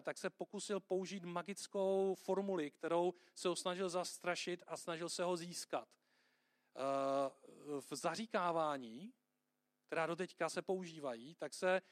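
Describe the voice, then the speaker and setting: A man's voice: fairly high pitch, no room sound, studio quality. A man preaching a sermon in a conversational way, often checking in with the listeners. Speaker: pastor.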